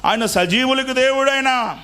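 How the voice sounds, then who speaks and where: Preaching as a pastor, this man shifts between booming exclamations and quiet, low-pitched lines, drawing out certain words for emphasis.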